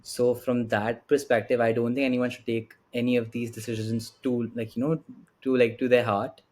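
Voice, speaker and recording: A man's voice: mid-range voice, level tone, normal speed, a little mellow. A young man in his late teens with an Indian accent, answering casually and politely as an interview guest, often saying "like" and "you know". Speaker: podcast guest, student.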